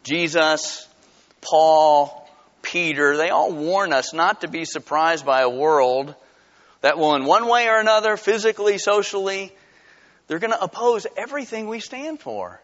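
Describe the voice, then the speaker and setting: A man's voice: fairly high pitch, lively intonation, measured pace, fairly bright tone. A male pastor preaching a sermon in an emphatic, conversational way, on a dull lo-fi recording. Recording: dull lo-fi sound.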